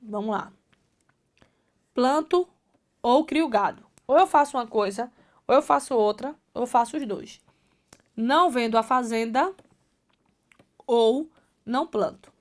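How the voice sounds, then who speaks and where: A woman with a Brazilian Portuguese accent teaches exam prep in a video lesson. Her voice sits a little high for a woman. She talks her students through each step and keeps checking that they are following. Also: measured pace, pauses often. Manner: lively, coaxing, checks in with students often. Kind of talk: video lesson explaining logic exercises.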